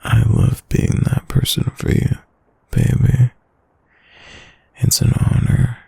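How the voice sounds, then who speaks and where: A man playing a tender, protective, gently dominant boyfriend in a whispered role-play, murmuring intimately and soothingly in a breathy, gravelly low voice. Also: slow pace, no room sound, lightly acted. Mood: affectionate, gently dominant.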